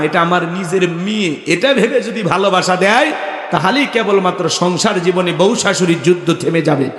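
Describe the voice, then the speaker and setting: A man preaching a waz sermon, half-chanting and calling out to the crowd. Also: high-pitched. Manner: impassioned, half-chanted delivery, addresses the crowd directly. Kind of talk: Bengali waz sermon with storytelling. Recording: echoey hall over loudspeakers.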